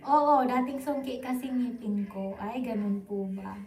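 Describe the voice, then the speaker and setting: High-voiced Filipino woman live-streaming, echoey room. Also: measured pace, darkish tone. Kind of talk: casual chat with live viewers.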